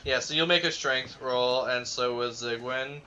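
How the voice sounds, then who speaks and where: Male game master, relaxed narration, unhurried and bright, dull lo-fi recording. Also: mid-range voice. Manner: relaxed, chatty, laughs often.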